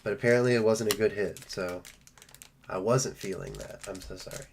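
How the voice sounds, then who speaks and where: A man's voice: on the low side, normal speed, noisy background. A man hosting a live stream, chatting casually and joking while opening trading card packs. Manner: joking, rambling, playful.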